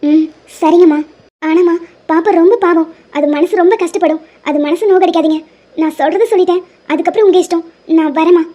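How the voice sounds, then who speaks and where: A humble, caring housemaid, played by a woman, speaks up softly and respectfully for the family's daughter. Her cartoon voice is very high and moves along quickly. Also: steady tone. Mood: pleading. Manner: gentle, respectful, pleading. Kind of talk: Tamil cartoon dub.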